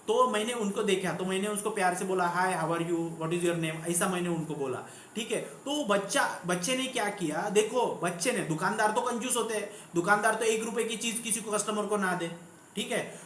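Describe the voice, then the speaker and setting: A male coach talking to an online class in an echoey room, with a faint hum behind him. He tells his story slowly and repeats phrases often, filling gaps with little checks to his listeners. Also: high voice, fairly bright tone. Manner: repetitive, storytelling, frequent fillers.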